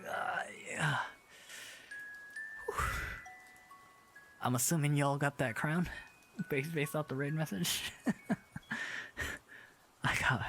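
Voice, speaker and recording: A young male streamer talks in an easy, unhurried way, repeating words again and again as he drills. His voice is bright and forward, with a playful put-on Southern drawl. Faint music plays behind him. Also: on the high side. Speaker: variety streamer. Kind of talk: casual livestream chat while studying Japanese. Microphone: streaming microphone.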